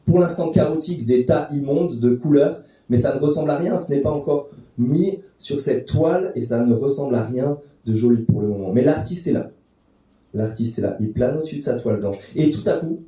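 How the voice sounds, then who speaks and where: A preacher with a mellow, dark voice of middle pitch talks the congregation through the text in a relaxed, conversational sermon, now and then using fillers or restarting a line. He's well back from the microphone, and the hall rings with heavy echo.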